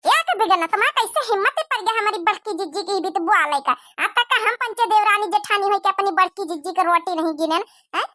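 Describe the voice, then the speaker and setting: Super high squeaky gossip aunty from an awadhi village cartoon, shrill and over the top. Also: female voice, animated, a little fast, few pauses, bright, forceful tone, dry recording, clean studio sound, full character voice. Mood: fretful. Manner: melodramatic, wailing, shrill. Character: gossiping village aunt, the younger sister-in-law, dramatic. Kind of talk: cartoon dubbing.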